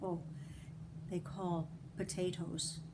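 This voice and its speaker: Reading a children's folktale as a storyteller, this woman adds dramatic emphasis and small asides to her audience in an expressive read-aloud. Her voice sits low, her delivery is flat and slow, and there is background noise.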